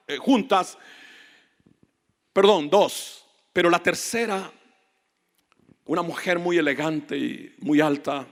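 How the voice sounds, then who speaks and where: A man preaching a fervent sermon as a guest pastor, rising to loud emphatic peaks. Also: fairly high pitch. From Latin America. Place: church hall. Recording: echoey church hall reverb.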